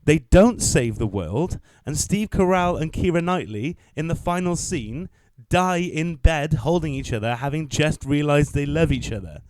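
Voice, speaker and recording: Animated, sweary male podcast storyteller. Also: a little high, normal speed, few pauses, dry recording. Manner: animated storyteller, swears freely, acts out quotes. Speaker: podcast co-host. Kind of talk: casual chat.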